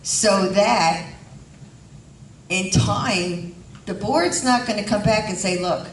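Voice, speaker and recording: A woman giving halting, explanatory informal remarks at a community board meeting. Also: medium pitch. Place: indoor meeting room, far from mic. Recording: distant, echoey room with faint noise.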